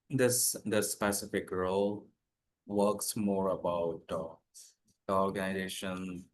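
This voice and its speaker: A man giving a personal career account as a guest speaker in an online session, in a hesitant, halting way. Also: low-pitched, a bit bright, rough recording.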